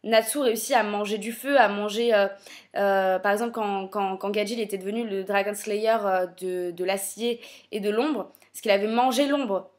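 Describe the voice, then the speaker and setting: A woman's voice: medium pitch, moderate pace. A woman reviewing a manga chapter in casual commentary, thinking aloud with lots of fillers and self-corrections, and making playful teasing asides.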